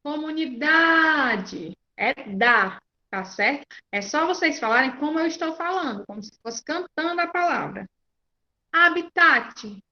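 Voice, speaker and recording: A Brazilian woman teaching over a video call, her voice high and bright. She is patient and stops often to check that the class keeps up. The audio is muffled and lo-fi. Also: expressive, moderate pace. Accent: Brazilian Portuguese. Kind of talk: online class lesson.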